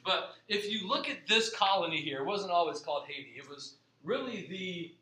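Echoey, distant high-voiced man lecturing. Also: pushed and bright. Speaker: history teacher. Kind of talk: informal classroom lecture. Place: echoey room. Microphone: distant microphone. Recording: very echoey, distant mic, faint noise.

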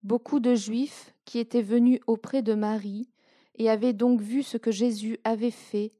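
A woman reading scripture aloud in a slow, measured, reverent way. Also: a little high, steady tone, mellow, no room sound, studio quality. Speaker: scripture reader.

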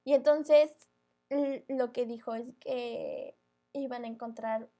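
A woman's voice: a little high, steady tone, takes it slowly, warm tone. A young woman with a Mexican Spanish accent chatting casually on a podcast, blunt and full of slang and swearing. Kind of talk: casual chat.

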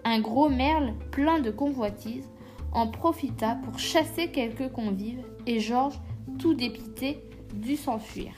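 Woman narrating a children's story, slow, higher voice, soft music behind. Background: soft instrumental music.

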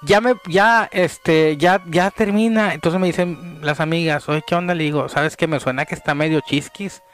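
A man with a Mexican accent tells a story in a relaxed chat, lively and dropping into hushed tones when it gets tense. His voice sits a little high. Faint music plays underneath. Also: normal speed, hardly any pauses, smooth. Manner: animated, drops to hushed tones at tense moments. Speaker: podcast guest telling a story. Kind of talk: casual storytelling.

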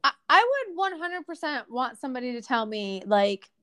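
A woman's voice: high voice, lively intonation, moderate pace, bright, forceful tone, clean tone, no room sound, studio quality. A young woman co-hosting a podcast, chatting casually and animatedly with lots of fillers. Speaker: podcast co-host.

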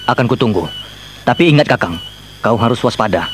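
A man's voice: medium pitch, animated, brisk, close to an everyday voice. A man playing an anxious, loyal sidekick. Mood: wary. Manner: deferential, anxious. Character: loyal young male sidekick, wary. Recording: loud background noise, radio play.

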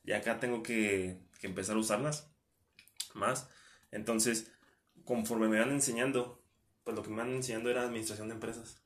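A man's voice: lowish voice, fairly even intonation, moderate pace, echoey room. Chatty young Mexican man telling a story. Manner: chatty storytelling, acts out quotes. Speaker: podcast host. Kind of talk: casual chat.

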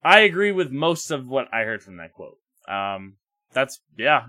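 Male podcast co-host, wry relaxed music chat, bright edgy tone, dry sound. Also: medium pitch, a little slow, no echo. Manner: relaxed, wry, filler-heavy. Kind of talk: casual music review chat.

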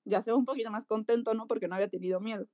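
A woman with a Mexican accent, a physiotherapist telling a lively story in an interview and acting out voices. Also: on the high side, rapid-fire, dry recording, dull audio. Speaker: pediatric physiotherapist.

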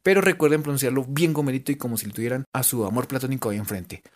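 A man's voice: mid-range voice, very fast. A man with a Colombian accent giving a playful English lesson on local radio, spelling letters out and checking in with listeners.

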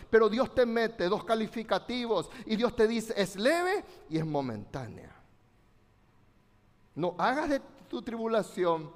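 A man with an unusually high voice preaches with fervor, turning again and again to his congregation for a response. His words trail into the long reverb of a big hall. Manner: fervent, addresses congregation, asks for responses. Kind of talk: sermon.

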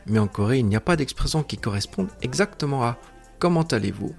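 Lively-voiced man teaching a language lesson. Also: medium pitch, creaky, faint music behind. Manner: patient, explanatory, spells out sounds slowly.

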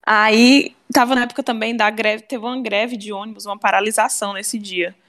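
A young woman with a Cearense Brazilian accent, telling a story in casual chat and acting out the dialogue. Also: a little high. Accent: Cearense Brazilian Portuguese. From Ceará, Brazil. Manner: animated, acts out dialogue, fast. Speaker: storyteller guest.

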